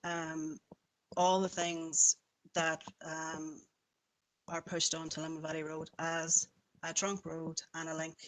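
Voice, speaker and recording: Woman planning officer on a call, flat even voice, keeps restarting sentences. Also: low voice, vocal fry, low-quality recording. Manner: halting, self-correcting, careful. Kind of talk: formal committee explanation.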